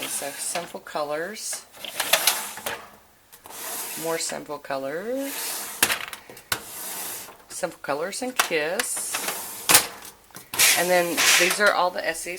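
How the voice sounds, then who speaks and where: A woman with a low voice narrates a casual home tour. She talks informally, like a hobby vlogger chatting to viewers. The recording is very noisy, with clicks behind her. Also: a little slow, creaky, pauses often. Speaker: vlogger showing a nail polish collection. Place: indoors at home, handheld camera, drawers handled.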